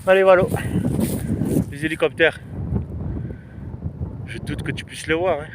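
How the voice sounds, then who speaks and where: A man's voice: fairly high pitch, a little slow. Chatty man in heavy wind. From Aveyron, France. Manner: chatty, loose, slangy, talks straight to the viewer. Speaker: vlogger. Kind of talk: casual chat to camera while hiking. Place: outdoors on a windy rural hillside. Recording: loud wind noise on the mic outdoors.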